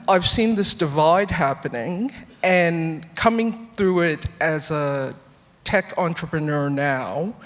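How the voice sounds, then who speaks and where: A woman, a tech entrepreneur on a panel, introducing herself on a theatre stage in an earnest, reflective way. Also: on the low side. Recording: theatre hall reverb.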